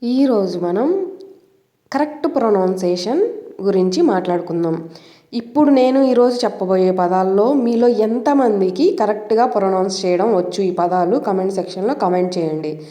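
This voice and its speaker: A woman's voice: mid-range voice, expressive, moderate pace, dark tone, echoey room. A woman with a Telugu accent teaching English pronunciation, explaining step by step and asking questions. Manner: patient, explains step by step, asks rhetorical questions.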